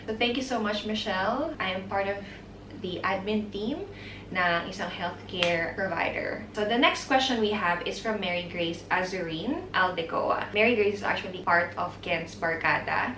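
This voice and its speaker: Medium in pitch and moderate in pace, this 20-something Filipino vlogger answers questions chattily, switching between Tagalog and English with giggly asides. Background noise is present, and the distant camera mic leaves an echoey, roomy sound.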